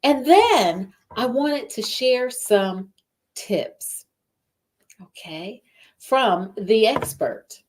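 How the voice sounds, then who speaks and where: A woman hosting a live podcast as a life coach, giving a motivational talk. She speaks deliberately, repeats phrases for emphasis and checks in with the listener directly. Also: on the high side, animated.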